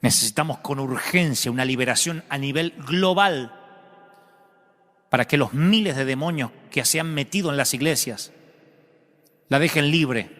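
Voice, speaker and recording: A man preaching a storytelling sermon, impassioned, swinging from dramatic rises to hushed drops. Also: mid-range voice. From Argentina. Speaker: pastor. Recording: long reverb of a large hall.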